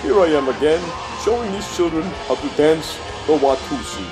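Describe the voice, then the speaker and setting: An older man narrates in a comic, grumpy manner. His voice is fairly high and swings up and down a lot as he complains in folksy, exaggerated fashion. Music plays clearly behind him. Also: expressive, normal speed, poor audio. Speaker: comic commentator. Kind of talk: comic narration over festival videos.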